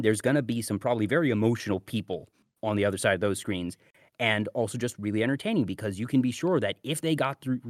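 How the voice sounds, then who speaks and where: A man co-hosts a podcast, chatting casually about fandom and going off on long, detailed explanatory tangents. His voice is lowish, and the recording is studio quality with no room sound.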